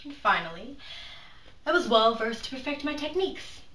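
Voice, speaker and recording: A woman playing a proud, cunning, defiant aristocrat in a theatrical monologue, speaking deliberately and emphatically, with dramatic pauses and hushed drops. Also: fairly high pitch, very animated. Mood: cool, calculating. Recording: roomy echo, distant microphone.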